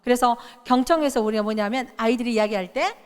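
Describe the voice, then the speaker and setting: A middle-aged woman giving a lively workshop talk, coaching the audience and acting out quoted voices. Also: a little high, fast, clear, resonant tone. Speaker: workshop speaker. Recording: reverberant hall.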